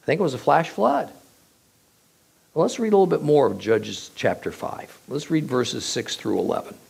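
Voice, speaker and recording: A man giving a verse-by-verse Bible teaching, reading the passage aloud and then explaining it with emphatic, drawn-out phrasing. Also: mid-range voice, creaky, breathy edge. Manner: expressive, emphatic delivery with drawn-out pauses.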